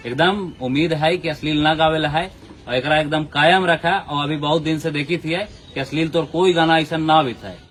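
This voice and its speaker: This channel host's voice is a little high with a fairly bright tone, and slight background noise sits behind it. He speaks casually to viewers, earnest and pleading, almost begging with folded hands.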